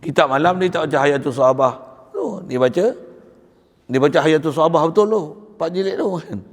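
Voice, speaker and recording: A man with a Malaysian Malay accent giving a morning religious lecture, talking in a conversational, animated way with storytelling asides. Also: a little high, fairly quick. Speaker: religious teacher. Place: mosque or religious school hall. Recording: long hall reverb.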